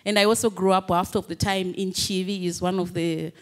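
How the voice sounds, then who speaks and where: A woman's voice: on the low side, fairly even intonation, brisk. A woman in her forties from Zimbabwe, telling a rambling personal story at a public panel, laughing often. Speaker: audience member. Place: large hall with an audience. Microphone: handheld microphone.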